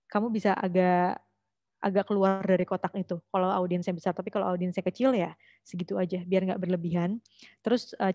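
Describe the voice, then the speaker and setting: A woman's voice: mid-range voice, a little mellow, no room sound, highs cut off. A young woman teaching a public speaking workshop, chatting casually and slipping English phrases into her talk. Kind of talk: online workshop lesson.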